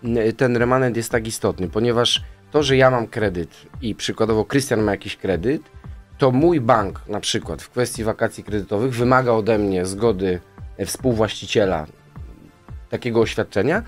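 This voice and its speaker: A man's voice: on the low side, moderate pace, soft background music. A man as a guest in a radio studio, explaining finances at length in a rambling way, often ending with a question tag. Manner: rambling, tags statements with "nie?". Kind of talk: radio interview answers. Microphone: studio boom mic.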